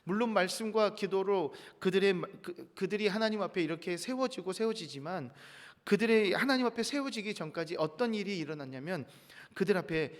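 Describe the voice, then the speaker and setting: Man, pastor, early-morning sermon, earnest, high voice, long church echo. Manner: earnest, reads scripture aloud in a rising voice. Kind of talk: dawn sermon. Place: church sanctuary.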